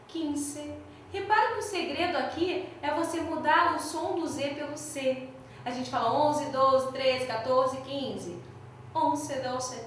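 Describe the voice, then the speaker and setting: A Brazilian woman teaching a class, explaining patiently and drilling pronunciation slowly. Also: high voice, fairly bright tone, a little hiss or hum. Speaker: Spanish teacher. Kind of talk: recorded online class. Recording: very echoey room, mic at a distance.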